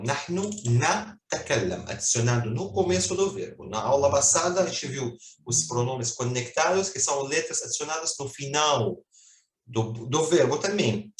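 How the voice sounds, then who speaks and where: Um homem dando uma aula de língua online, com paciência e repetindo palavras devagar para os alunos praticarem. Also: male voice, medium pitch, a bit bright, reverberant, a little hiss or hum. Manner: patient, repeats words slowly for drilling. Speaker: Arabic teacher. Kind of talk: online language lesson.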